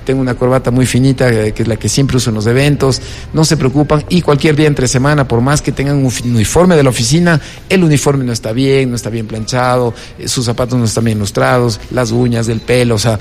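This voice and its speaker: Brief: man, mid-pitch, animated talker, long reverb, faint room noise. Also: quick pace. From Ecuador. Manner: animated, acts out quoted dialogue. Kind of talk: casual conversation.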